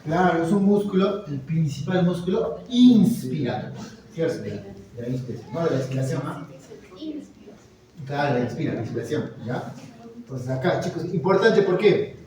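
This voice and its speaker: Male lecturer, fairly high voice, questions the class constantly; recorded far off in a reverberant room. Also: sing-song, moderate pace, warm tone. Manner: quizzing, encouraging, frequent "muy bien" and "¿ya?". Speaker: anatomy lecturer. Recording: echoey lecture hall, mic far off, students audible. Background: students murmuring and answering.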